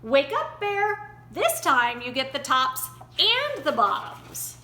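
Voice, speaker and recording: A woman's voice: high voice, huge pitch swings, slow pace, sharp tone, full character voice. A woman voicing a chipper, crafty male hare in a children's storybook, coaxing in a perky, sing-song way. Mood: triumphant. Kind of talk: children's picture-book character reading. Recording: roomy echo, faint background noise.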